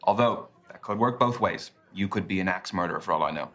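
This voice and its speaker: An awkward young speed dater with an Irish accent and a very deep voice. He jokes in a dry, hesitant way and stumbles over his words. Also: quick pace, fairly bright tone. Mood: awkward, joking. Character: awkward, sarcastic young man on a speed date. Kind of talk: live-action game acting.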